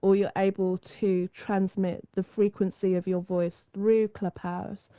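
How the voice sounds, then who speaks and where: Woman podcast host, mid-pitched, warm, dry close sound, musing delivery. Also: little pitch movement, a little slow, smooth, dry recording. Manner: musing, many fillers and restarts. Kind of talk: podcast interview.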